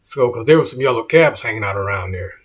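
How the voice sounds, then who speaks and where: A man's voice: fairly low pitch, lively intonation, quick pace, husky. A middle-aged man, a comedian, telling a story in a laid-back way and saying "man" often.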